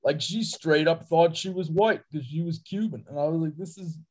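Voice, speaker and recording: A man's voice: fairly high pitch, moderate pace, a little mellow. A man in casual podcast chat, telling a loose, profane anecdote.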